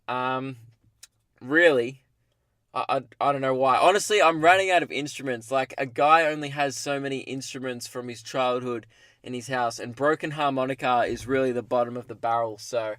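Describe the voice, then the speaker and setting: A man's voice: medium pitch, moderate pace, a bit bright, dry recording. A young man with an Australian accent rambling casually and jokingly through a solo podcast, recorded inside a parked car. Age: young adult. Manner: self-deprecating, joking.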